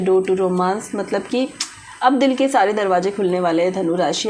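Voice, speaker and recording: Woman, tarot reader, direct advisory tone, mid pitch, faint background noise. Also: darkish tone. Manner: direct advice mixing English words into Hindi. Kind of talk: tarot reading for viewers.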